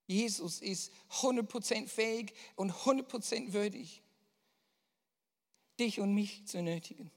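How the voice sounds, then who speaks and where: A woman's voice: medium pitch, a little slow. A woman preaching a sermon, emphatic and building into impassioned prayer, putting questions to her listeners. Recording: long hall reverb.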